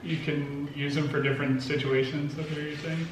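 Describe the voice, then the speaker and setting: A man's voice: fairly high pitch, little pitch movement, moderate pace. A man joining his partner's eating vlog, giving short, laid-back replies. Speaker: host's partner. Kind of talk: casual mukbang chat. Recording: echoey room, distant mic, faint noise.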